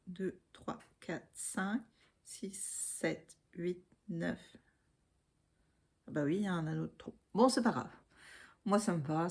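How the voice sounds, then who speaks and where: A woman's voice: on the low side, a little mellow, slightly rough. A woman in her forties from Alsace, chatting casually on her knitting vlog, with many fillers and counts muttered under her breath. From Alsace, France. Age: 40s. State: hands trembling, apologetic. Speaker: knitting podcaster. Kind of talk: casual show-and-tell vlog.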